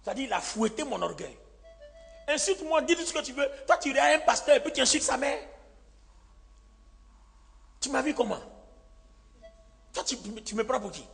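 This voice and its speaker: A man preaching with a bright, tense, high voice that has a gravelly edge. He tells his story as a sermon and acts out the other people's words. A long hall echo trails after him, with faint music underneath. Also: normal speed, pauses often. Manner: animated, acts out quoted lines, laughs often. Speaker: pastor.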